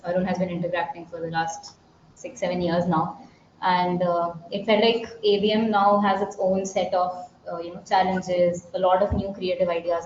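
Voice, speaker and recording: A woman's voice: lowish voice, a little mellow. A woman with an Indian accent, casually hosting a group discussion on an online call. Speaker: host. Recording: roomy, muffled, faintly noisy call.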